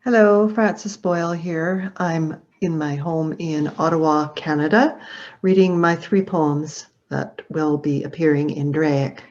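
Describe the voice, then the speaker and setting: A woman poet reading her poems at home, slow and deliberate. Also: low voice, steady tone, darkish tone, muffled recording. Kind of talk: poetry reading.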